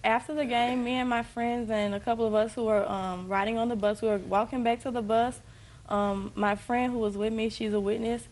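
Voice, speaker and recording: A woman's voice: fairly high pitch, fairly even intonation, fairly quick, darkish tone, rough recording. A young woman giving narrative testimony as a plaintiff in a TV court.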